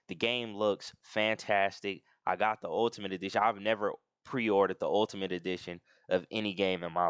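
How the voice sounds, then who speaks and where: Man, deep voice, smooth tone, dry close sound, casual rambling chat, hiccups. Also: fairly bright tone, no room sound. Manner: rambling with many fillers and restarts. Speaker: gaming channel host. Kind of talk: casual screen-share commentary.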